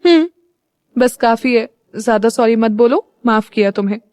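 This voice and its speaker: A sensitive young woman from a romance audio story who sulks and softens, as a woman narrator plays her. Her voice is a touch high and recorded dry and close. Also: moderate pace, no echo, close to an everyday voice. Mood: affectionate. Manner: emotional, pouting. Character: young woman, emotional sulky bride-to-be.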